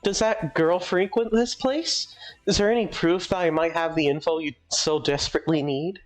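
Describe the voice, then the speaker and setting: A streamer as a deadpan woman bartender. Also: medium pitch, normal speed, faint music behind, natural voice. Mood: scolding. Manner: deadpan, sarcastic scolding. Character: dry, sarcastic woman bartender. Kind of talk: live fan voicing of a game.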